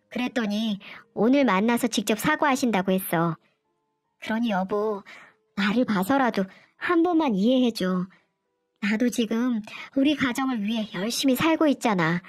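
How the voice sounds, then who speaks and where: A woman voicing a weary young husband who pleads softly for understanding in a narrated story. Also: on the high side, no echo, clean studio sound. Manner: tired, soft-spoken, pleading.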